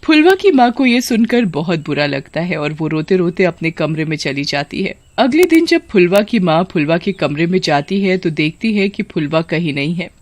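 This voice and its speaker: A woman narrating a children's story in a clear, even storytelling voice. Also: lowish voice, normal speed, hardly any pauses, no echo.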